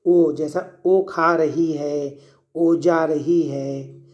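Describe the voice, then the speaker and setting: Slow, mellow-voiced man teaching young children. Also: a little high, fairly even intonation, highs cut off. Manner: sounds out words letter by letter, asks and answers own questions; patient, repetitive teaching. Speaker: primary school Urdu teacher. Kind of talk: reading lesson for young children.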